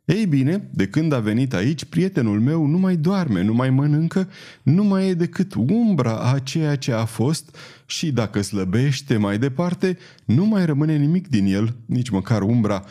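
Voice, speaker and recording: A man reading an audiobook, voicing a talkative companion who speaks in a wordy, flattering, fussy way. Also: medium pitch, natural voice. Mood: wheedling.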